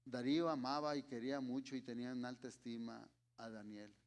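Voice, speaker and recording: A man with a Mexican Spanish accent preaching a sermon in a slow, deliberate way, often checking in with his listeners. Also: mid-range voice, flat delivery.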